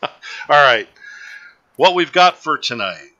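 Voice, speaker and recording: A man's voice: a little high, animated, takes it slowly, lo-fi sound, a loud crowd. A man hosting a live commentary panel, joking casually, laughing often and restarting his sentences. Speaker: host of a live movie commentary show.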